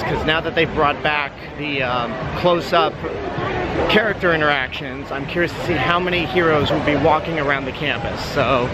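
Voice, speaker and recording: A man chatting casually to camera as a vlogger, outdoors at a theme park. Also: fairly high pitch. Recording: loud outdoor ambient noise.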